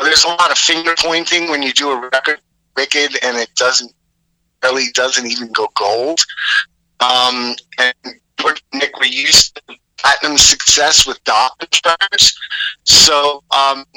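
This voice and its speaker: Male guest heard over the phone, very bright, dry sound, loose and rambling. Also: mid-range voice, no echo. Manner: rambling, many fillers and restarts. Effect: heard over a phone line. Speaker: musician guest. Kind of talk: phone interview.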